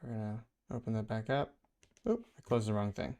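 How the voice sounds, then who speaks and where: Chatty man thinking out loud. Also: lowish voice, fairly quick. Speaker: vlog host. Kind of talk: casual commentary while reading a comic aloud.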